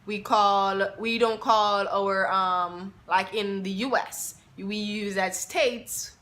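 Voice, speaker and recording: A woman's voice: medium pitch, fairly even intonation, takes it slowly, a bit bright. A Jamaican woman vlogging in a chatty way, repeating herself and asking her viewers questions. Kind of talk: casual talk to camera.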